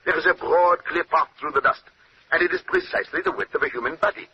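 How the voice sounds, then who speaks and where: An actor playing a fussy, shrewd Belgian detective with a French-Belgian accent, precise, courteous and theatrical, in 1940s radio style. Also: male voice, high voice, wildly swooping pitch, fast talker, vocal fry, sharp tone, heavily acted. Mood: deductive, sly. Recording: muffled, noisy old-time radio recording.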